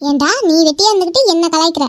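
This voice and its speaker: A woman's voice: extremely high pitch, very fast, no echo. A woman voicing a blunt, sassy young woman in an amateur cartoon.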